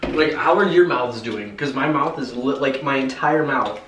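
A man's voice: mid-range voice, moderate pace. A young man hosting a challenge video, chatting casually and dramatically to the camera in a home kitchen. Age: young adult. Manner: animated, dramatic, exclamatory. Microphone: camera a few metres away. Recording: roomy, distant mic, noisy.

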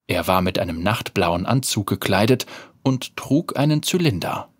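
Narrator with a lively, singsong read. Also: low voice, moderate pace, no echo, studio quality. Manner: expressive, lively storytelling. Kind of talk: scripted storybook narration.

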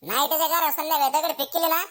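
Woman plays brash schoolboy troublemaker, bragging threats, highish voice. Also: fairly even intonation, rapid-fire, fairly bright tone. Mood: cocky. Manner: boastful, cocky threats. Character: rowdy schoolboy, class troublemaker.

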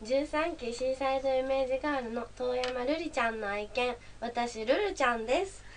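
A woman's voice: high voice, moderate pace, distant mic, slight background noise, natural voice. A young woman voicing a cheerful female pet dog in a bouncy, sing-song way. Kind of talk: first-person dog role-play.

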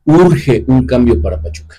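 A man's voice: mid-range voice, big pitch swings, moderate pace, warm tone, husky, rough recording. A man with a Mexican accent, a radio co-host reading out a listener's message plainly.

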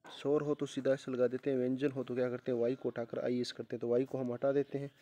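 A man's voice: mid-range voice, little pitch movement, fast, mellow. A male teacher going through an exam paper, repeating questions back to his students and spelling words out letter by letter. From India.

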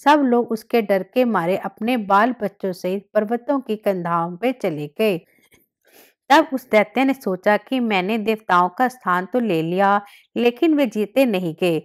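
Woman reading devotional scripture aloud. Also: mid-range voice. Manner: steady recitation with occasional slips and restarts. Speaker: narrator.

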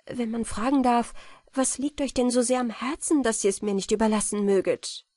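A woman's voice: fairly high pitch, moderate pace, no echo, clean studio sound, pitched above the performer's own voice, lightly acted. A woman voicing a noble, grateful countess who speaks in formal, old-fashioned phrases. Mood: gracious. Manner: formal old-fashioned speech, rising excitement.

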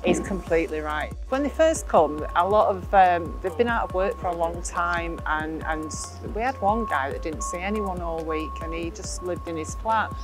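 A middle-aged woman, a beekeeper being interviewed outdoors, talking in an earnest, animated way. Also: fairly low pitch, moderate pace, hardly any pauses, over music. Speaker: volunteer beekeeper. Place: outdoors, garden. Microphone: lapel.

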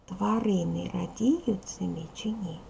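A woman's voice: mid-range voice, a little slow, creaky, mellow, a little hiss or hum, low-quality recording. A woman teaching a recorded lesson to young children, patiently asking questions, praising answers and reading a poem aloud. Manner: reads a poem aloud expressively. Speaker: primary school teacher.

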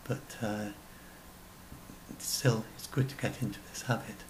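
Here a man in his sixties with a fairly low pitch speaks in a steady, slightly slow manner over background noise. He is a science blogger working through his notes solo in a small home room, wandering and correcting himself, filmed by the webcam on his desk.

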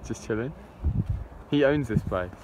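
Young man vlogging casually, lively and unhurried. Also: mid-range voice. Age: young adult. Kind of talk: casual chatty vlog. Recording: noisy handheld outdoor and indoor recording.

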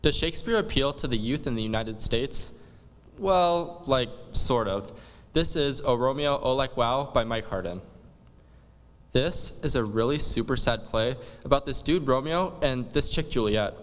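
A man's voice: mid-range voice, long reverb tail. A man giving a comic monologue in laid-back slangy dude talk, full of "like". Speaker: comic performer. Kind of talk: comic monologue retelling a play.

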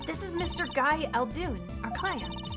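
A woman voicing a cheerful teenage girl magician, reading game dialogue in a bright, breezy way. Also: high voice, expressive, unhurried, over loud music.

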